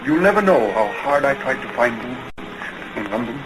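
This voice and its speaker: Actor as earnest man in love, early talkie film melodrama, mid pitch, clipped restrained delivery, old soundtrack with loud music. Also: lively intonation, moderate pace, natural voice, poor audio. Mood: earnest, tender. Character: earnest, tormented man in love, about to leave.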